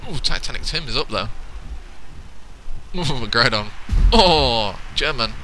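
A man doing goofy, pun-filled play-by-play wrestling commentary, full of excited exclamations. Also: mid-range voice, takes it slowly, slight background noise, rough recording.

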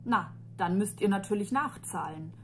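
A woman's voice: mid-range voice, expressive, moderate pace, a little hiss or hum, natural voice. A woman reading as a smug innkeeper. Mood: businesslike. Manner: curt, businesslike. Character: businesslike male innkeeper, unrelenting and smug.

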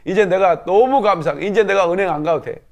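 A middle-aged male pastor preaches in a fairly high voice. He prays with fervent, commanding declarations, then slips into a chatty, conversational way of telling his stories to the congregation. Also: a little fast, muffled recording. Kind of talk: sermon with prayer and personal story.

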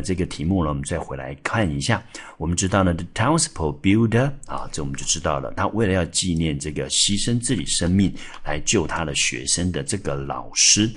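Male teacher from Taiwan, deep gravelly-husky voice, steady explainer who spells out words. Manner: explains step by step, spells out letters, many filler particles. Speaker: English teacher. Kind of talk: exam-prep vocabulary lesson. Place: school classroom or studio.

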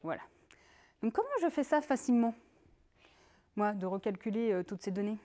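A woman giving a technical conference talk, in a lively conversational way with many fillers and asides. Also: mid-range voice, moderate pace. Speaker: conference speaker.

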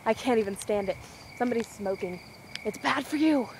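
A woman's voice: a little high, a little fast, a little hiss or hum, low-quality recording. Giggly, rambling young woman vlogging. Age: young adult. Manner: scatterbrained and giggly. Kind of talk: rambling casual vlog. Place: outdoors walking.

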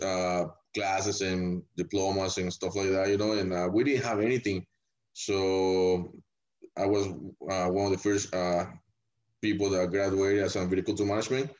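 A deep-voiced winemaker from El Salvador appears as a guest on a casual podcast interview. He's relaxed and rambling with many fillers, and the audio is dull and lo-fi.

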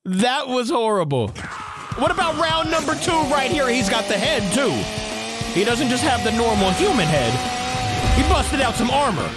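A young man hosting a YouTube reaction video speaks at a moderate pace in a very high-pitched voice with big pitch swings, exclaiming, laughing, and reading subtitles aloud in casual commentary. He's in an indoor room using a studio mic and over-ear headphones. Loud music from the video he's reacting to plays under his voice.

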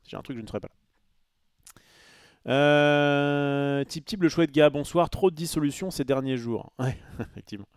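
A man's voice: fairly high pitch, normal speed, pauses often, clear, resonant tone, no room sound, studio quality. A man chatting casually on a live stream, rambling with many fillers and restarts and answering his chat.

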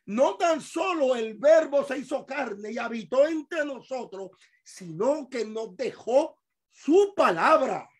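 A man preaching and teaching a Bible study to his congregation in Spanish. He repeats key words, quizzes his listeners and swings between hushed asides and shouted emphasis. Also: extremely high pitch, lively intonation, takes it slowly, breathy edge. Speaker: pastor. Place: church hall.

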